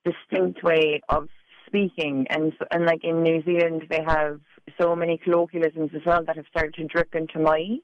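A low-pitched woman with a Cork accent from Ireland, a poet guest on a radio interview, chats casually, peppering her speech with "like" and "you know." Her tone is level at normal speed, with no room sound and the highs cut off.

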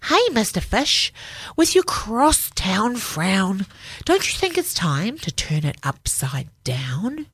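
A woman's voice: medium pitch, very animated, takes it slowly, a bit bright, husky, dry recording, heavily acted. A woman voicing a cheerful female clam giving friendly advice. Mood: cheery.

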